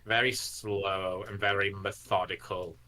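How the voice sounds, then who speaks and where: A man improvising tabletop game narration as game master, halting and deliberate, often pausing mid-sentence. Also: low voice, flat delivery, bright, forceful tone.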